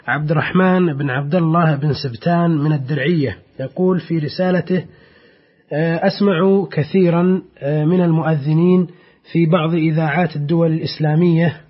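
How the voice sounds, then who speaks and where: A man hosting a radio program in formal, measured Standard Arabic, presenting and reading out listeners' letters. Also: fairly high pitch, fairly even intonation, breathy edge. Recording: dull, lo-fi radio recording.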